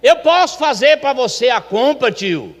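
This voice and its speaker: A man putting on a kind, simple-hearted man in his fifties, eager and quick to help. His voice is high and bright with eagerness, and it keeps repeating its words. Long reverb from a church hall carries every line. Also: big pitch swings, full character voice. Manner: eager, repeats himself, calls the speaker uncle.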